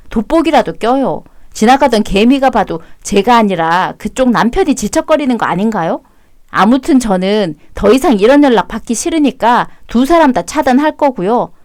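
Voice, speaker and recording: A woman's voice: on the high side, a little mellow, dry recording. Cool, sarcastic woman in radio drama. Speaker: voice actor narrating and playing the wife.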